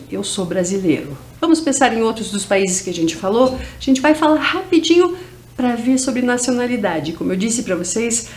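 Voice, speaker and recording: A woman teaching English to schoolchildren on educational TV, with a Brazilian Portuguese accent, saying model phrases slowly for the class to repeat. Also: fairly high pitch, a little hiss or hum. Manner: slow, drawn-out model phrases for repetition.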